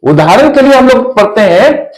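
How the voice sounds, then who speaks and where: A man's voice: extremely high pitch, very animated, echoey room, low-quality recording. A man teaching an English pronunciation lesson, spelling out letters one by one and repeating each word several times so learners can copy it. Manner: slow, spells out letters and repeats words for drilling.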